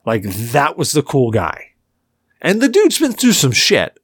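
A man's voice: medium pitch, huge pitch swings, unhurried, husky, dry recording, studio quality. A man in his forties hosting a podcast, telling rambling stories in loose casual chat and swearing freely. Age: 40s. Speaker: podcast host.

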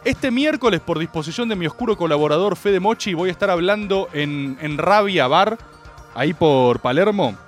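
Brief: Rioplatense male radio host, high and lively pitch, comic monologue with big swings. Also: moderate pace, faint music behind. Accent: Rioplatense Spanish. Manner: theatrical, swings between loud outbursts and mock-grave asides. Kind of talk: comedic radio monologue, streamed live. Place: radio studio.

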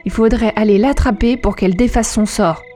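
A woman's voice: medium pitch, fairly quick, warm tone, faint music behind, natural voice. A woman voicing a brave boy turned into a knight, talking theatrically in a told story. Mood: urgent.

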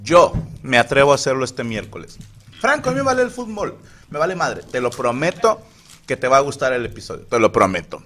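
A Mexican man hosting a comedy podcast, telling stories loudly with crude slang and jokes. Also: medium pitch, brisk, a little hiss or hum. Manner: crude, animated, joking slang. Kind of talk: loud comic storytelling.

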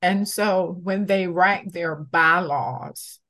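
A woman from Georgia answering interview questions conversationally, in a measured, deliberate way. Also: lowish voice, fairly bright tone. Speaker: interviewee, community campaigner.

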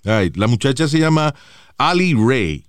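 A male podcast host chatting casually, his pitch bouncing around as he tells stories and swears freely. His voice is smooth and clear. It sounds dry and close on a studio microphone. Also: a little slow, no echo. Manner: animated, mixes Spanish and English, swears freely. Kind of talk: casual chat.

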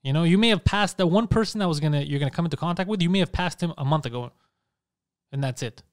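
A man hosting a loose comedy podcast, profane and teasing. He talks very quickly in a somewhat high voice. The sound is dry and close. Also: no echo. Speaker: podcast host. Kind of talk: casual comedy podcast banter.

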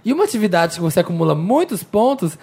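A woman's voice: lowish voice, very animated, quick pace, mellow, a little hiss or hum. A woman co-hosting a casual podcast chat, talking freely and swearing now and then. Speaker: podcast co-host.

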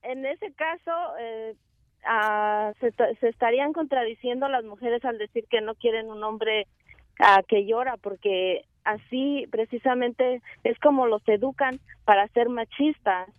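A woman's voice: fairly high pitch, measured pace, dry recording. A woman calling into a radio show, earnest and hesitant as she gives her opinion. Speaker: caller. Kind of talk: phone-in opinion. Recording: tinny phone line.

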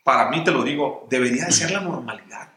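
A man's voice: mid-range voice, quick pace, bright, forceful tone. A man with a Mexican Spanish accent hosting a podcast interview, rephrasing his questions as he searches for words. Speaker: podcast host. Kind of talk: interview chat. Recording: roomy echo.

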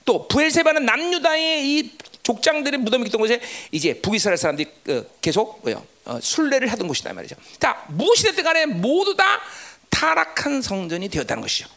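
A pastor preaching a sermon who keeps prodding listeners for replies and swings between shouting and hushed asides in church. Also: mid-range voice, sing-song, fairly quick, gravelly.

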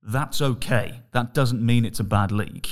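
An English man hosts a casual sports podcast. His voice is croaky and hoarse, with a frog in the throat, and sits at an average male pitch. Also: moderate pace. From England. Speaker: podcast host and football commentator.

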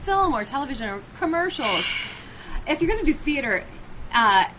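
A woman's voice: high-pitched, big pitch swings, moderate pace, background noise. A woman co-hosting a theater podcast, asking questions and giving frequent affirming murmurs. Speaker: podcast co-host. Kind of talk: casual theater podcast chat.

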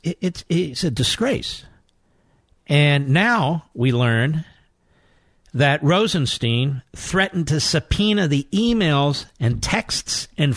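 A man hosting a talk radio show, speaking forcefully and asking indignant rhetorical questions. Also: a little high, dry recording, studio quality. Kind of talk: talk radio monologue and call-in.

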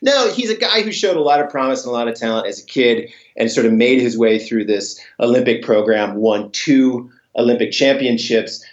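A man's voice: medium pitch, lively intonation, normal speed, few pauses, roomy sound, lo-fi sound. A man speaking conversationally as an interviewed journalist over a remote connection. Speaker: cycling journalist guest.

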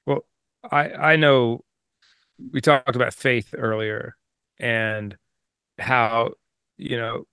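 Smooth-voiced man, close and dry. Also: mid-range voice, bright, forceful tone, no room sound. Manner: earnest, halting with repeated words. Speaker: podcast co-host. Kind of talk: reflective casual talk.

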